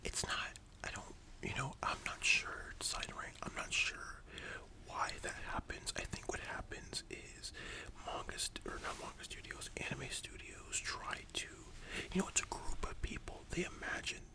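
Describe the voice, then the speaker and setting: A person in a whispered role-play as a chatty, enthusiastic library worker, speaking in a soft, breathy library whisper with a casual, gushing manner. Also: mid-range voice, wildly swooping pitch, normal speed. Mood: opinionated, casual. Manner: hushed, casual, gushing, conversational.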